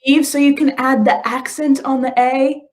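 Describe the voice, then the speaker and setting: A woman's voice: sits high, flat delivery, normal speed, a little mellow. A woman co-hosting a casual live stream, swearing freely, saying y'all and laughing often. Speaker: podcast co-host.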